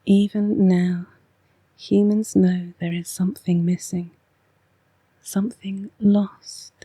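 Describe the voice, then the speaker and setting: English woman, hushed voice, very breathy whispery delivery, mellow and dark, rambling ASMR card reader. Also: medium pitch, little pitch movement, slow, dry recording. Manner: hushed voice, softly spoken and half-whispered. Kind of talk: soft-spoken rambling ASMR card reading.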